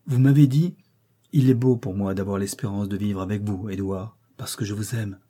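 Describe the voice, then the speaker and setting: Man reading as brooding wealthy gentleman, ardent, restless, pleading and commanding, very dark husky voice. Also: on the low side, steady tone, normal speed, close to an everyday voice. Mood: tender. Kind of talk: audiobook reading of a classic novel.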